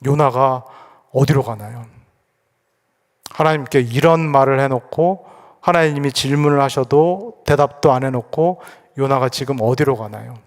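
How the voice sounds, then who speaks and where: A man's voice: mid-range voice, normal speed. A male pastor preaching a sermon, asking rhetorical questions and repeating phrases for emphasis. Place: church sanctuary. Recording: echoey church hall.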